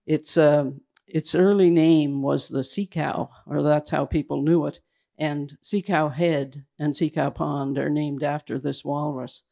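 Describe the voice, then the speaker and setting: Gravelly, flat-voiced man presenting slides. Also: on the high side. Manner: halting, hurried delivery that keeps restarting its phrases. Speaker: presenter at a public talk. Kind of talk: slide presentation to a live audience. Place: indoor event venue.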